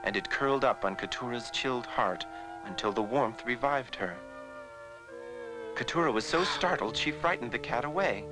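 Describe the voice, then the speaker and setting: A man's voice: mid-range voice, rough recording. Male fairy-tale narrator over music. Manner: measured storyteller.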